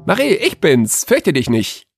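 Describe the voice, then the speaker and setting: A man's voice: a little high, wildly swooping pitch, measured pace, music in the background, voice pushed up, heavily acted. A man voicing a cheeky, gossiping male ghost of Christmas future in a comic audio story, teasing and bluntly mocking.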